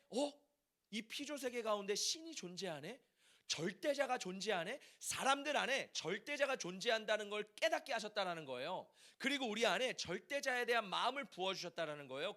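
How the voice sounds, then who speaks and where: A man's voice: very high voice, bright, forceful tone. A male pastor preaching a Sunday sermon in a church, asking the congregation questions as he goes. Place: church sanctuary.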